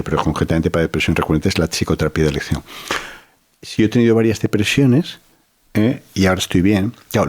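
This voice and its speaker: Deep husky-voiced man. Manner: reflective, many "¿no?" tags and restarts. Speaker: psychiatrist guest. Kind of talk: calm explanatory interview talk.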